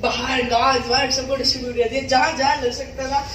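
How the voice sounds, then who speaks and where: A woman's voice: high voice, flat delivery, fast, fairly bright tone, a little hiss or hum. A young woman vlogging in casual chat, teasing and laughing often, switching between Hindi and English.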